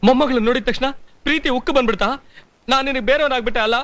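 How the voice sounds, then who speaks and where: A man's voice: extremely high pitch, fairly bright tone, no room sound. A young actor playing a brash village man in a film drama. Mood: angry. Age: young adult. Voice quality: fast, brash. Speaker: film hero.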